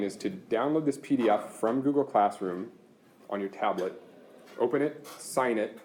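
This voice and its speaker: A man's voice: fairly low pitch, darkish tone, a little hiss or hum. A man teaching a university class, explaining course logistics step by step in a practical, chatty way. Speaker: university instructor. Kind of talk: classroom lecture.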